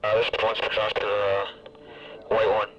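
A man's voice: lowish voice, completely flat delivery, normal speed. A man speaking as a field radio operator in clipped military procedure, his transmission breaking up, broken but readable. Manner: clipped call-sign talk, fillers before each call. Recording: crackling lo-fi field radio with loud static.

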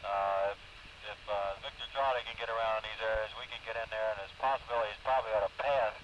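Low-voiced male commander heard over a two-way radio, crackling static, terse procedure talk. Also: steady tone, quick pace, muffled recording. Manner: clipped radio procedure, matter-of-fact orders. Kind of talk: military radio traffic.

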